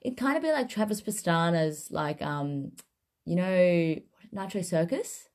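A woman's voice: on the low side, animated, unhurried, a little mellow. A woman co-hosting a casual, joking chat. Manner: informal, joking. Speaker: podcast co-host.

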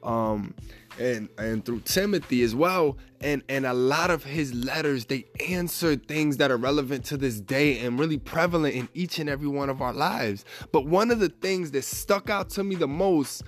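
A man hosting a faith podcast, upbeat and casual, often saying "man" and "y'all", with a stuffy, slightly raspy voice. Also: mid-range voice, moderate pace. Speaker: podcast host.

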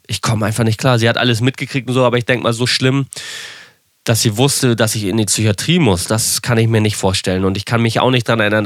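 A man's voice: mid-range voice, no echo, studio quality. A young man from hosting a podcast and telling a personal story in a candid, rambling way. He keeps correcting himself and adds wry asides. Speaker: podcast host.

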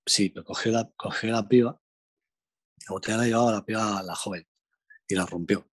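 A young man from Spain with a Spanish accent, telling a slangy, animated anecdote in casual chat. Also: on the low side, normal speed, slightly rough, dry recording. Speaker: storyteller.

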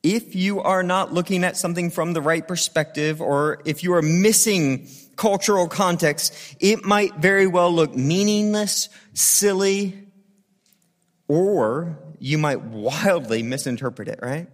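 A man's voice: on the high side, unhurried. A man preaching a sermon, teaching scripture with dramatic emphasis, repeated phrases and informal asides. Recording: long reverb of a large hall.

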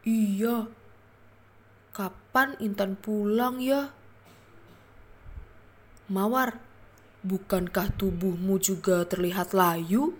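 Woman as a little storybook bird, weak and hungry, weary, feeble drawn-out words, extremely unhurried. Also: mid-range voice, slightly rough.

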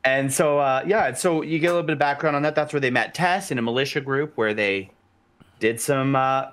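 A young man co-hosting a podcast, rambling in casual chat with lots of fillers. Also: medium pitch. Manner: animated, rambling, filler-heavy. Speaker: podcast co-host.

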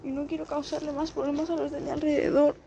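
A woman from Spain with a Spanish accent, speaking a halting, confessional monologue on the edge of tears, repeating and restarting her phrases. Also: high-pitched, little pitch movement, vocal fry, mellow, highs cut off, a little hiss or hum. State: close to tears. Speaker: vlogger. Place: outdoors, people passing by.

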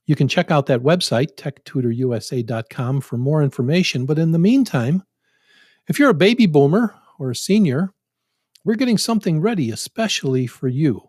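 A man's voice: fairly high pitch, expressive, moderate pace, darkish tone, no echo, studio quality. A man in his seventies hosting a podcast, talking in a folksy, joking, conversational way. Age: 70s. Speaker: podcast host. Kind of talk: casual podcast introduction with jokes.

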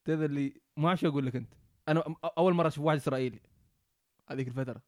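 A young man from Oman, co-hosting a casual podcast and telling stories in relaxed banter. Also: fairly high pitch, no room sound, studio quality. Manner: quick, storytelling, relaxed banter. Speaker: podcast co-host.

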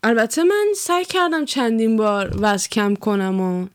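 A young woman from Iran speaks her mind in a blunt, profane, animated rant. Her voice is smooth and clear, and the recording is dry and close, with no room sound. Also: fairly high pitch, dry recording. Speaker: vlogger. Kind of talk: casual chat.

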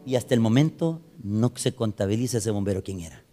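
A man preaches a sermon and reads Bible verses aloud, addressing his listeners as brothers and posing rhetorical questions. His lowish voice is expressive, mellow and a little fast, with faint music behind it.

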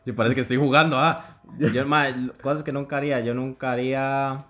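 A man's voice: mid-range voice, steady tone, fairly quick. A young man with a Costa Rican accent hosting a podcast, chatting casually in slang, laughing often and trailing off mid-sentence. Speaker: podcast host. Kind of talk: casual chat. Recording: muffled lo-fi audio.

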